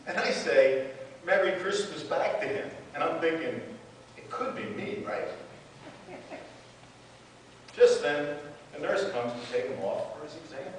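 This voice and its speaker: A man plays a bemused patient waiting at the doctor's, and his story comes out dry and amused. His voice sits a bit high for a man. It is heard from far off in a very echoey hall with a long reverb. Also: lively intonation, unhurried, long pauses. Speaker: stage actor in a monologue. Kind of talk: theatrical monologue. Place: stage in a hall. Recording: echoey hall, far from mic, faint noise.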